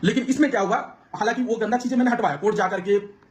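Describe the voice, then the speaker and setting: A man's voice: high voice, quick pace. A man vlogging to his viewers, pouring out an aggrieved personal account with many restarts. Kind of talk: emotional personal account to camera.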